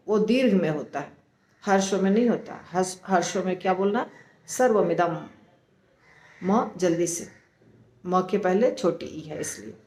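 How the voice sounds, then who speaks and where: A woman's voice: mid-range voice, a little mellow, reverberant. A woman teaching scripture and carefully explaining how to pronounce each word of a verse, breaking long words into syllables. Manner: slow, deliberate, spells out syllables.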